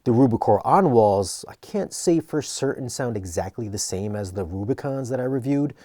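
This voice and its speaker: A man narrating an equipment review in a conversational but scripted, measured, explanatory way. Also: medium pitch, animated, warm tone, dry recording, studio quality.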